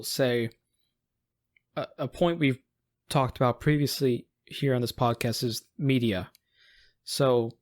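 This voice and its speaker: American man co-hosting a rambling podcast. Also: medium pitch. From United States. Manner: rambling, restarts and acts out quoted voices. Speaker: podcast co-host. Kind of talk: casual conversational podcast.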